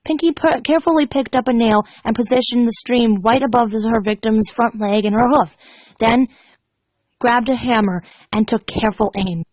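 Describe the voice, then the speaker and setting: Reading a story as an amateur fan fiction narrator, this woman is dramatic but sometimes stumbles over her lines. Her voice leans high with a darkish tone at a normal speed, and the home recording sounds dull and echoey.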